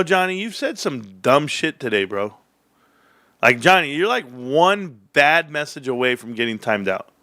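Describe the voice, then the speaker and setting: A gravelly-voiced man in his forties hosts a casual livestream, trading between high, hyped outbursts and low, mumbled asides. He keeps calling his viewers bros and guys. The sound is close and dry, with no room around it. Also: no echo. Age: 40s. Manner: hyped, swings into high excited bursts, then low muttering. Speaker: stock livestream host.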